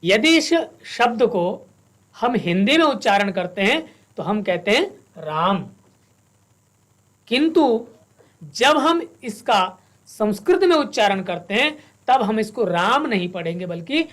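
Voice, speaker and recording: A woman teaching a Sanskrit lesson, reciting verses slowly and spelling out each syllable. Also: on the high side, expressive. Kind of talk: classroom lesson with slow recitation.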